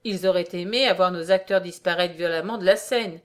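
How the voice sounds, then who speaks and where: A woman reading an old-fashioned story aloud in a measured, formal way. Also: lowish voice. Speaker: reader.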